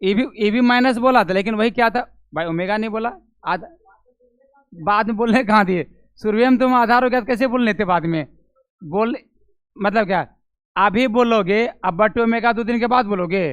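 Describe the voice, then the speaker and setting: Man, physics teacher, Bihari Hindi accent, high voice, dry close sound, quizzing students. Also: moderate pace, clear, resonant tone, dry recording. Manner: questions students, repeats steps aloud, calls on them by name. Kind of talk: classroom lecture. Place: classroom with students.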